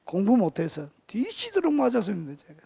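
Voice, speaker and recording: A man preaching a sermon as pastor. He swings from loud storytelling to hushed near-whispers, and he keeps asking his listeners questions and answering them himself. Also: sits high, wildly swooping pitch, brisk, vocal fry, breathy edge.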